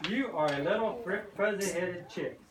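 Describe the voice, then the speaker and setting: A man's voice: sits high, moderate pace, a crowd in the background, lightly acted. An older man voicing a stern, grumbling storybook farmer in a scolding grandpa voice. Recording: roomy, distant microphone, noisy background.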